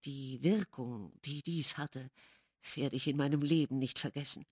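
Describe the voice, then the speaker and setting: A woman reading a classic novel aloud as an audiobook, in measured, dramatic storytelling. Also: a bass voice, a little mellow, slightly rough. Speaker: audiobook reader. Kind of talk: literary audiobook narration.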